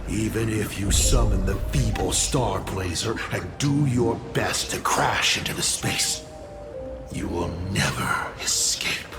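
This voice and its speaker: In dramatic video game voice acting, a man with a lowish voice plays a mocking, theatrical villain, a fallen navigator turned destroyer. He taunts and teases, drawing out his words with breathy dips toward a whisper. Loud game soundtrack music plays behind him.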